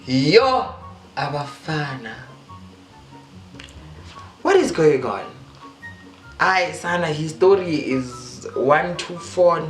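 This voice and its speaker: A man telling a casual storytime, animated and expressive, swinging between hushed and loud. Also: on the high side. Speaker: storytime vlogger. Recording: roomy with faint music.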